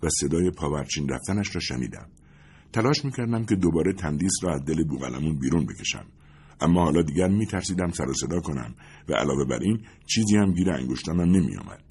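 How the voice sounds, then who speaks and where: A man narrating a first-person story in a measured, suspenseful way, husky-voiced. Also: extremely low pitch, expressive, a little mellow, slight background noise. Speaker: audiobook narrator.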